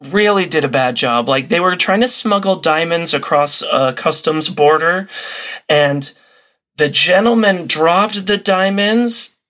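In a casual interview, this podcast guest, a fan of old-time radio, tells stories in an amused way. His voice sits a little high, with a sharp tone and an unhurried pace.

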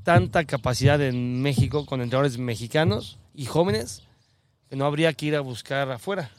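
A man, a former footballer, telling stories in an animated, laughing way during a casual chat. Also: medium pitch, moderate pace, dry recording. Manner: animated storyteller, laughs often.

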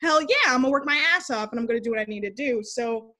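A young woman, an interview guest, telling a candid story in a blunt, animated way, swearing freely and acting out what people said. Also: fairly high pitch, fast talker. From United States. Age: young adult.

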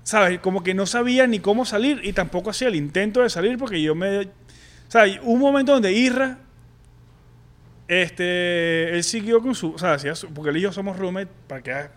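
A young man with a Venezuelan accent candidly telling a personal story on a podcast, halting and full of slang. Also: high voice. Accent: Venezuelan Spanish. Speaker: podcast co-host.

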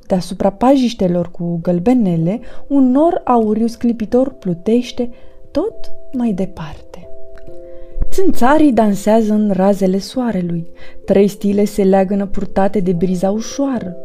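A woman narrating a children's storybook in a gentle, expressive read-aloud manner. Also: mid-range voice.

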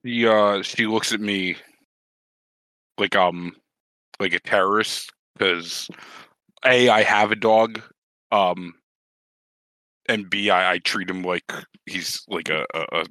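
A man's voice: lowish voice, slow, long pauses, bright, forceful tone, no echo, low-quality recording. A man co-hosting a podcast, telling stories in casual, rambling, profane chat. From New Jersey. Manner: rambling, profane, self-deprecating. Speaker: podcast co-host.

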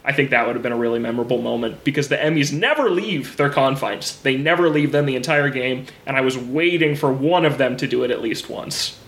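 A man's voice: mid-range voice, fairly quick, hardly any pauses, fairly bright tone, reverberant. A man guest on a podcast, talking casually and eagerly about a video game.

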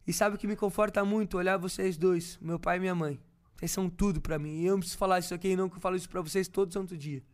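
A man's voice: high-pitched, steady tone, rapid-fire. A tipsy, effusive man, swearing freely in a casual podcast chat. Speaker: podcast guest.

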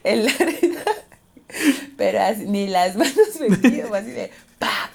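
A woman's voice: medium pitch, lively intonation, a little slow, vocal fry, breathy edge. A woman with a Mexican accent, co-hosting a casual podcast, telling funny self-mocking stories and laughing as she goes. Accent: Mexican Spanish. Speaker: podcast co-host.

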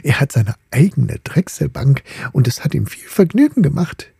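A man's voice: big pitch swings, normal speed, vocal fry, dark tone, slightly rough, no room sound, studio quality, full character voice. Man doing an eager, boastful spinning-top suitor. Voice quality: high, pushed-up storybook voice. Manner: earnest and self-praising. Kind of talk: fairy-tale reading.

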